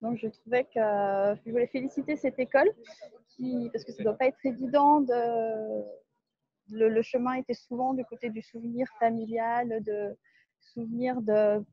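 On dull, dry call audio, a woman comments hesitantly and off the cuff. Her voice is a little high, with a husky edge. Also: fairly even intonation, moderate pace, no echo. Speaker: contest commentator.

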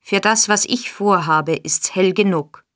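A woman's voice: mid-range voice, a little slow, a bit bright, lightly acted. Woman doing a brutal robber in a storybook, curt and harsh. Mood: cold. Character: violent, raging male robber.

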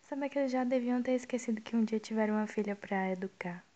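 A young woman plays through a game and reads it aloud. Her voice sits high, and she jokes and swears casually between lines. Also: fast talker, warm tone, highs cut off. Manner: joking, swears casually, laughs often. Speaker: gamer. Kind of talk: casual let's play, reading game dialogue aloud.

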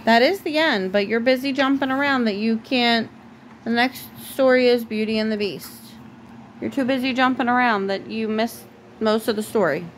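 A woman's voice: fairly high pitch, moderate pace, slight background noise, poor audio. Mother reading a bedtime story. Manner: reads aloud, stops to talk to the child. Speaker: mother reading to her child.

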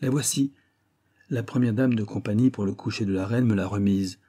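A discreet courtier handing over a secret with a confiding, hushed air, as a male reader voices him. The voice is low, mellow and husky, only slightly raised from the narration. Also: moderate pace. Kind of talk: audiobook character reading.

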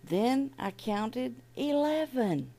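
Reading very slowly in a slightly high voice, a woman gives an expressive, animated reading of a children's picture book at an elementary school.

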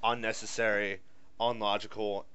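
A man's voice: fairly low pitch, flat delivery, moderate pace, sharp tone, clear, resonant tone. A man giving casual playthrough commentary, sardonic, complaining and sweary. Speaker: gamer. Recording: slightly dull lo-fi mic.

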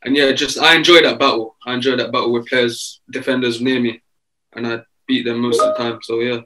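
An eighteen-year-old man from England answering interview questions in a relaxed way over a video call, with plenty of fillers. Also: medium pitch, a little fast, a little hiss or hum, rough recording. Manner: relaxed, easygoing, many fillers. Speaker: footballer guest. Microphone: video call webcam.

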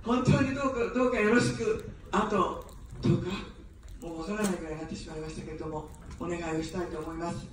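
A fast-talking woman with a fairly low pitch delivers an evening campaign speech outdoors as an election candidate. She speaks standard Japanese without an accent, joking before pleading earnestly for votes. A little hiss or hum sits under the very echoey, distant street PA audio.

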